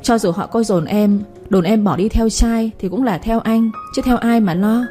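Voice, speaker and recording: A woman's voice: on the high side, normal speed, dark tone, faint music behind, lightly acted. A woman voicing a cunning young village woman who pouts and insists. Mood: wheedling. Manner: pouting, insistent.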